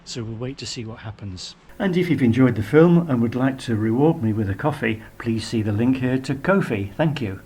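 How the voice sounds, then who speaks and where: A man's voice: mid-range voice, animated, normal speed, few pauses, a little mellow, slightly rough. A man giving casual, opinionated vlog commentary in a wry, understated way. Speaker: vlogger presenting a travel film.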